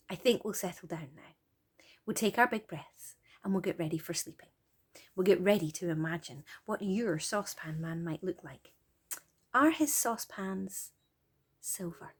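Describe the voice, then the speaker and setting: A woman narrates stories for children in a gentle, expressive manner, using a lowish voice. She often drops into a hushed, breathy near-whisper.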